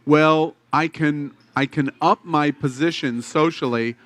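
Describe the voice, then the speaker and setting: A man's voice: fairly high pitch, a little slow, fairly bright tone. A man hosting a podcast panel, talking casually with frequent restarts and a playful, hesitant manner. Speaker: podcast host. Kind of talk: casual group chat.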